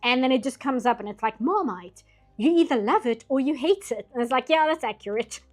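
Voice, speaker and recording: A British woman chats casually while drawing on a stream, rambling and laughing often, her high voice animated and fairly quick but turning a bit hoarse late at night. Faint music plays behind her.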